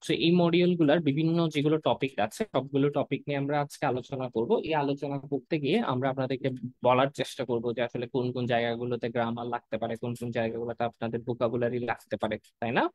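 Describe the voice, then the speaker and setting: A man's voice: mid-range voice, flat delivery, quick pace, a little mellow, dry recording, highs cut off. A man with a Bangladeshi accent giving a live exam-prep lesson, explaining patiently and checking in with his students as he goes. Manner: explanatory, checks in with "তাই না?" and "কেমন?", mixes in English words. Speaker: PTE exam teacher. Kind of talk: live class lecture.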